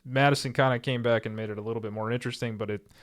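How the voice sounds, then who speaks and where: Male podcast co-host, rapid casual sports chatter, rambling delivery. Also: mid-range voice, fairly even intonation. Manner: rambling, repeats himself when worked up.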